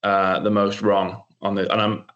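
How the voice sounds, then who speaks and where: A man's voice: on the low side, level tone, moderate pace, a bit bright, highs cut off. A young man co-hosting a casual sports podcast, rambling with lots of ums and restarts. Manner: rambling, filler-heavy, many restarts. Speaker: co-host.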